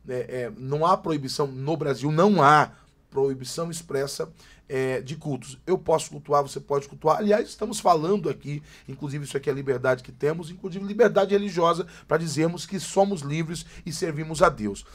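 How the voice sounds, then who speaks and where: A pastor in his forties from Greater São Paulo, Brazil, speaks in a slightly high voice at a fairly quick pace. He's a guest in a casual podcast chat and talks emphatically, using preacherly repetition.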